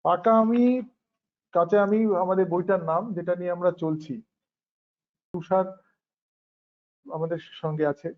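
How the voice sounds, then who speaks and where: A man's voice: sits high, a little slow, pauses often. Hesitant Bengali man posing questions. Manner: thoughtful, hesitant, frequent ah fillers. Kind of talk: philosophical discussion. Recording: dull lo-fi recording.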